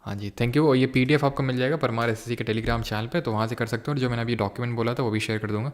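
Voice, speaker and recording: A man's voice: medium pitch, steady tone, racing. A young man teaching a live online exam-prep class, mixing Hindi with English terms and answering viewers' chat questions.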